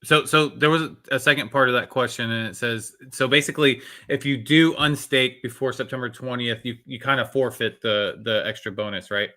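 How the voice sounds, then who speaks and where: A man's voice: medium pitch, fairly even intonation, fairly quick, hardly any pauses, bright, forceful tone. A man co-hosting a podcast, passing on listener questions in an easygoing way and often saying "gotcha.". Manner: easygoing, says gotcha a lot. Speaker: co-host. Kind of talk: casual podcast chat.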